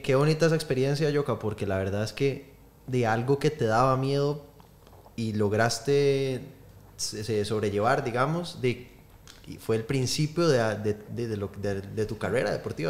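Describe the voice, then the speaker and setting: Halting podcast host. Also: male voice, mid-range voice. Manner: halting, repeats words while forming questions. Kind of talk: casual podcast interview.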